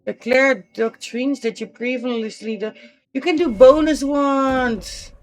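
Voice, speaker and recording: A woman streamer with a high voice speaks slowly, chatting casually and thinking aloud during live gameplay commentary, with the odd swear word.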